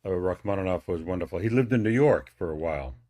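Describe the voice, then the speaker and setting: A man's voice: low voice, expressive, quick pace, dark tone. A man hosting a radio interview, speaking with many hesitations and restarts. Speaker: radio host.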